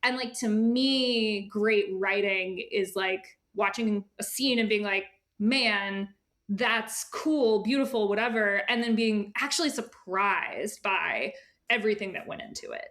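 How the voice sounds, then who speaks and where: Speaking a little slowly, this woman has a medium-pitched, slightly bright voice. She is an editor appearing as a guest in a relaxed interview, chatting informally with frequent asides and made-up quotes.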